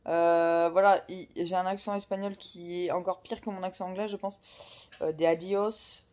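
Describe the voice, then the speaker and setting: A woman's voice: fairly low pitch, fairly even intonation, moderate pace, darkish tone. A woman chatting casually about a book she is reading, hesitant, with many fillers and restarts. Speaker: book vlogger. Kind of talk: casual chat about books.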